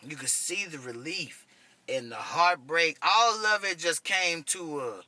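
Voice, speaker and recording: Guy in his 30s telling army medic stories, swears a lot, really bright edgy voice. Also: fairly high pitch, animated, a little slow, no room sound. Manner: profane, conversational, keeps asking "you know what I'm saying". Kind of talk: casual first-person storytelling.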